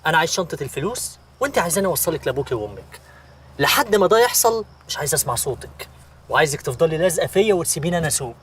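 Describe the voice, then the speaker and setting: Rapid-fire mocking Egyptian hustler. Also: male voice, fairly high pitch, very animated, fairly bright tone, recorded from a distance, slight background noise. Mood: bossy. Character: fast-talking boastful male hustler driver. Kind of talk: comedy series acting.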